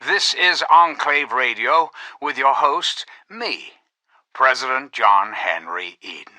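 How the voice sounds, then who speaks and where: A male actor playing a self-styled president in a video game, a calculating artificial intelligence who speaks in formal, measured, persuasive oratory. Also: medium pitch, animated, pushed and bright, no echo, heavily acted. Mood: stately, genial. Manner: grandiose, measured, courteous, persuasive. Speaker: president addressing personnel and listeners.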